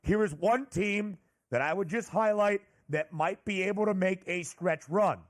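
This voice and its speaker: High-voiced man breaking down betting odds. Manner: brisk, numbers-heavy analysis, leading the questions. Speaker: sports betting show host. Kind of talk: sports betting analysis chat.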